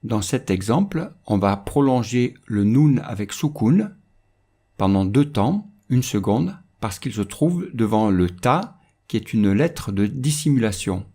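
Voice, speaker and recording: A man teaching Quran recitation rules in a calm, measured instructional voice-over. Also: lowish voice, husky.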